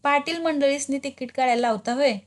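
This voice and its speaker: A woman's voice: high-pitched, brisk, natural voice. A woman voicing a cheeky male village doorkeeper who jokes in a rustic dialect. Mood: teasing.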